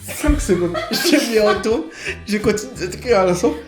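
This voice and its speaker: A man's voice: high voice, lively intonation, normal speed. A young man telling a story in casual chat, acting out the dialogue with animation. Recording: roomy room with music behind.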